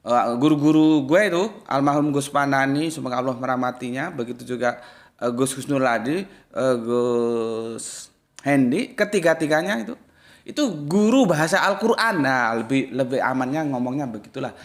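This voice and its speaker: A man giving a casual religious lecture as an Islamic study teacher, blunt and slangy, jumping from loud emphatic bursts to low muttered asides. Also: moderate pace.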